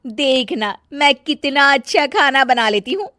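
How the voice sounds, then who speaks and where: A woman voicing a bossy, fault-finding young wife in a cartoon, shrill and scolding. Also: lively intonation, unhurried, bright, forceful tone, no echo, studio quality, exaggerated voice. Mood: boastful.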